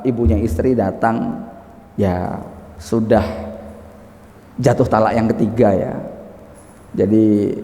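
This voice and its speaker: A man's voice: medium pitch, dark tone. A male preacher giving a conversational mosque study sermon, often ending phrases with "ya" and acting out examples. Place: mosque hall. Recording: echoey mosque hall reverb.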